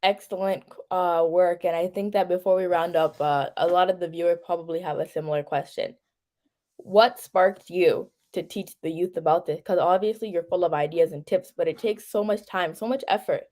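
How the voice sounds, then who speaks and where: A woman's voice: lowish voice, normal speed, darkish tone. A woman interviewing a guest, asking questions in a conversational way with some hesitations.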